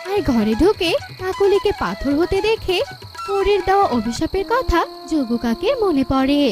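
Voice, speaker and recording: High-voiced woman narrating a cartoon. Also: sing-song, normal speed. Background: background music.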